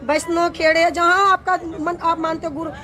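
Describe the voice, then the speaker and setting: Accused woman, indignant and defensive, high pitched. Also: little pitch movement, moderate pace, a crowd in the background. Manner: indignant, swears innocence. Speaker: accused landlady. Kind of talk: defensive street interview.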